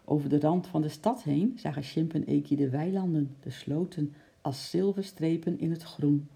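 A woman calmly reading a children's story aloud as the narrator. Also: low voice, moderate pace, gravelly.

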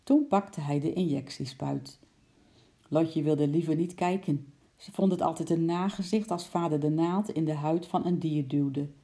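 A woman narrating a children's storybook aloud in a calm, lively way. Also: low-pitched, measured pace.

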